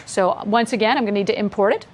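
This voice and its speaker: Fast and medium-pitched, a woman leads a casual screen-share coding lesson, chatting upbeat and laughing with her co-host as she walks through code. The instructor has a mother from Scotland, and a little hiss or hum can be heard.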